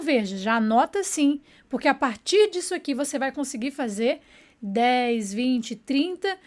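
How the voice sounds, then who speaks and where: A woman with a high, bright speaking pitch gives an online English lesson in speech. She keeps checking in with her listeners and slows down whenever she models an English phrase. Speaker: English teacher.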